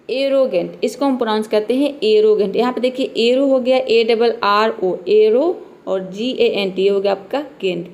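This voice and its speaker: Fairly high-voiced woman teaching words. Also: darkish tone. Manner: spells words letter by letter, slows on English words; keeps repeating "theek hai". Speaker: English teacher. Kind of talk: spoken vocabulary lesson.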